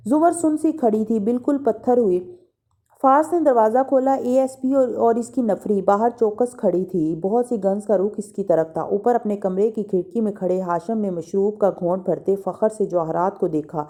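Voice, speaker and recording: Woman, novel narration, steady and expressive, warm mellow tone. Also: medium pitch. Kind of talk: dramatic audiobook reading.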